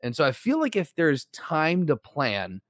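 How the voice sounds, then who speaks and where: Joking, cursing freely, and animated, this man co-hosts a podcast, arguing his point during a casual chat. His voice leans high and unhurried, recorded at studio quality with no room sound.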